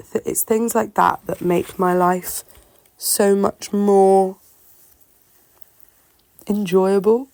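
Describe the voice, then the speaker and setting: Creaky, sore-throated woman musing. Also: medium pitch, mellow. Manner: halting, musing, self-questioning. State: sore-throated, unwell-sounding voice. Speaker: solo host of a personal talk show. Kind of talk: casual reflective monologue.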